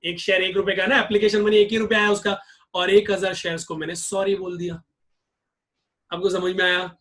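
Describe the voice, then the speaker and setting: A man's voice: high voice, flat delivery, brisk, fairly bright tone. A male accounts teacher giving a classroom lecture, drilling his students with repeated questions.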